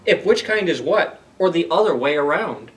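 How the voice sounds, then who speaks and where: Guy doing a snooty indignant beaked critter from a kids book, haughty, drawn out words, highish, bit off mic. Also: lively intonation, moderate pace, distant mic, natural voice. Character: snooty, indignant storybook bird-like creatures, boastful. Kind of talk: animated storybook reading.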